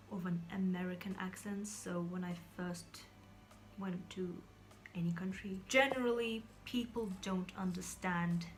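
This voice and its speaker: Speaking to her viewers in a casual vlog, a young Kazakh woman wanders from thought to thought, hunting for words, filling pauses, and restarting her sentences, sometimes lowering her voice to a whisper. She has a mid-range voice, with slight background noise present.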